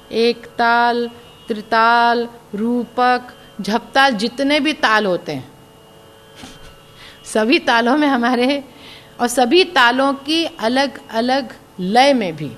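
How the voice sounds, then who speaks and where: Slow, high-voiced woman explaining music. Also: a bit bright. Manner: slow, explanatory, reciting drum syllables and sung notes. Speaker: classical vocalist and music teacher. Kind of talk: explaining classical music theory.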